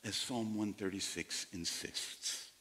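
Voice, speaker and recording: A man preaching as a pastor to his congregation, in deliberate phrases broken by pauses. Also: lowish voice, fairly even intonation, sharp tone. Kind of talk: sermon, addressing congregation. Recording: long hall reverberation.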